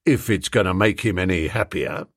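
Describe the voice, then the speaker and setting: A man voicing a gruff, suspicious police officer who speaks slowly and grudgingly, in a lower voice than his own. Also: no room sound, studio quality. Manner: slow, grudging, deadpan.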